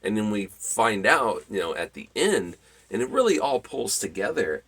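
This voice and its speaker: A man with a fairly low voice talks through a movie review in an off-the-cuff way. He rambles, restarts his sentences and fills pauses with ums. His enthusiasm comes through in lively jumps in pitch. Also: breathy edge. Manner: rambling, many fillers and restarts. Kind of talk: casual spoken review.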